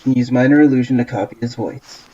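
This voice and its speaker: A man's voice: mid-range voice, fairly even intonation, fast, mellow, slightly rough. Matter-of-fact man, muffled lo-fi audio. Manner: matter-of-fact about the rules. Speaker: player. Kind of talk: casual tabletop game chat. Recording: muffled lo-fi audio with crowd noise.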